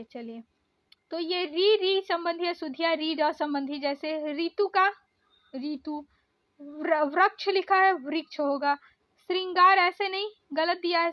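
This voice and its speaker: High-voiced woman teaching spelling. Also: no echo. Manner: explains step by step, repeating each word. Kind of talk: exam-prep Hindi spelling lesson. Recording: dull, slightly lo-fi.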